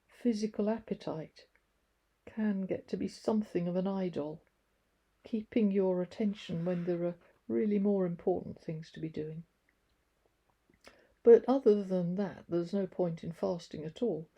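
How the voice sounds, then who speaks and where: A woman voicing Jesus as a calm, patient grown man who explains things gently and thoughtfully in a storybook reading. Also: high voice, a little slow, slightly rough, full character voice. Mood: calm explaining.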